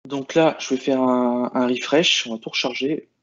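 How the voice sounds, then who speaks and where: A man talks through a technical configuration as he clicks along, pausing often with fillers and restarting phrases. His voice sits at an ordinary middle pitch. The mic sounds slightly dull and lo-fi. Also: steady tone, a bit bright. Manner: hesitant, many "euh" and restarts while clicking through settings. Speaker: IT presenter. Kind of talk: screen-share tech walkthrough.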